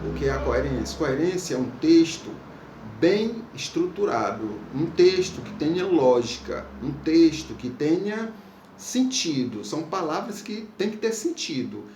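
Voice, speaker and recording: A man's voice: a little high, a little mellow. A man from Brazil teaching a recorded school lesson, patiently checking in with his pupils. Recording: echoey room, faint background noise.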